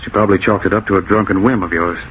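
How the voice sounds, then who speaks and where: An actor playing a steady, decent Mountie sergeant, measured and earnest, in a 1940s radio drama on a dull old recording. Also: male voice, low-pitched. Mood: calm, probing. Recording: dull, faintly noisy vintage radio.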